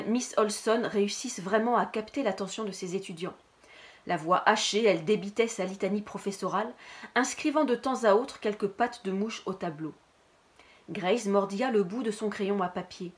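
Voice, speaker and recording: A woman reading a novel aloud in a calm, steady narrating voice. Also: mid-range voice, moderate pace. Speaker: reader.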